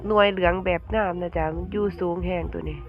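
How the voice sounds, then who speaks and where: A woman with a northeastern Thai Isan accent, chatting casually and folksily to viewers as she narrates a vlog, often ending phrases with soft polite particles. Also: fairly low pitch, steady tone, quick pace, dull audio, faint music behind. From northeastern Thailand.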